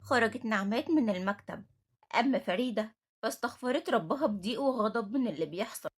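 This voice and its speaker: Egyptian woman narrator, high breathy voice, steady story reading. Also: quick pace.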